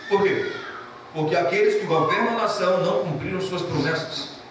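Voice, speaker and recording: High-voiced pastor preaching in echoey church. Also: male voice, brisk. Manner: impassioned preaching, emotional storytelling. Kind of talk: sermon. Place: church sanctuary. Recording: echoey church from a distant mic, noisy.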